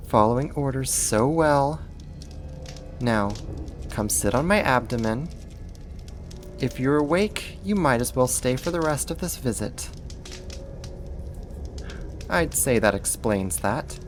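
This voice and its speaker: For an ASMR horror roleplay, a performer voices a sadistic half-spider creature addressing a human captive with thick condescension, unhurried and theatrical. The mood is coaxing yet commanding, and the moderate-pitched voice has some background noise beneath it.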